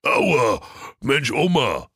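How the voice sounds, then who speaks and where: A man's voice: mid-range voice, big pitch swings, drawn-out words, a bit bright, husky, no room sound, studio quality, pitched above the performer's own voice, heavily acted. A man doing a sleepy, grumpy devil. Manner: whiny, tired.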